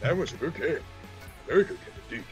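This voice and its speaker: A man's voice: fairly high pitch, very animated, quick pace. A man chatting playfully and mock-formally while playing an online game with friends. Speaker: streamer. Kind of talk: casual gaming chat. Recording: game music behind the talk.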